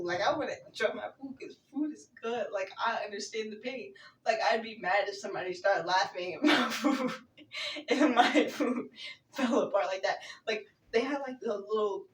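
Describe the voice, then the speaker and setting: A woman telling a funny story as a vlogger, giggling often and rambling with lots of fillers. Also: medium pitch. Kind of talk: casual storytime. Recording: roomy echo, mic at a distance.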